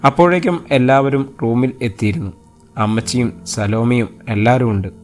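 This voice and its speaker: A man's voice: mid-range voice, animated, a little fast, darkish tone, faint music behind. A man narrating a romance audio novel, reading all the characters' lines in his own voice. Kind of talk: storytelling narration with acted dialogue.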